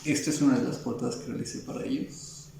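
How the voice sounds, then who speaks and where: Gravelly Mexican man, rambling and dark. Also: mid-range voice, steady tone, fast, reverberant, slight background noise, low-quality recording. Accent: Mexican Spanish. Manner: rambling, frequent fillers and restarts. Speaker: illustrator guest. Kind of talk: casual interview talk.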